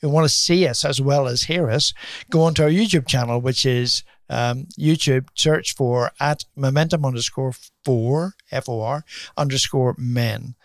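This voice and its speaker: A man's voice: medium pitch, moderate pace, no room sound, clean studio sound. A man co-hosting a podcast in a conversational radio style. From Ireland or Britain. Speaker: podcast co-host.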